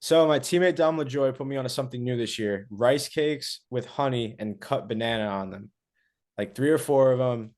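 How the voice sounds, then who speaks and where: A young man, a college wrestler, giving short, relaxed answers with fillers as a guest on a casual podcast. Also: mid-range voice, normal speed. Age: young adult.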